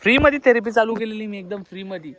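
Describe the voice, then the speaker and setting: Fast, sharp and high-pitched, a man vlogs his seaside trip on a handheld phone, joking and chatting in a blend of Hindi and Marathi. The audio is a noisy outdoor phone recording.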